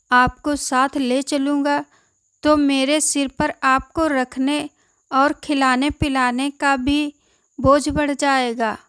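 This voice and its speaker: A woman's voice: high voice, fairly bright tone, no room sound, clean studio sound. A woman voicing a kind-hearted young thief. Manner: polite and plain-spoken.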